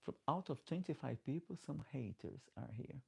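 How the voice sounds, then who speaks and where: Speaking at a normal speed in an expressive, creaky, slightly rough medium-pitched voice, a Portuguese-accented man chats on a late-night livestream. He's a drag queen appearing out of drag, reading comments aloud and pleading for likes in a chatty, casual way.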